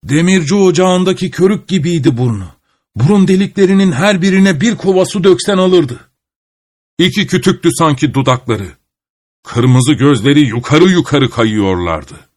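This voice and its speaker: A man narrating a folk tale aloud in a steady storytelling manner. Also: on the high side, moderate pace, dry recording.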